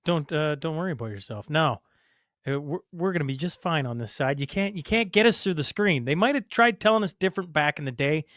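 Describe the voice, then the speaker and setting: A Canadian man hosting a podcast, asking questions in a halting way full of fillers. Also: fairly high pitch, expressive, fairly bright tone, no room sound, clean studio sound. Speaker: podcast host. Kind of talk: conversational interview.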